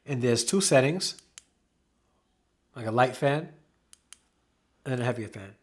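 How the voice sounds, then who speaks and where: A man giving a casual product review, talking excitably with emphatic repeats and self-corrections. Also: mid-range voice, takes it slowly, slightly rough. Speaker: camera reviewer.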